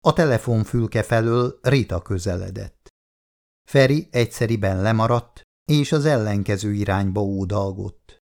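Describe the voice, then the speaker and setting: Gravelly-voiced male narrator. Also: lowish voice, darkish tone. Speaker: reader. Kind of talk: audiobook narration of a novel.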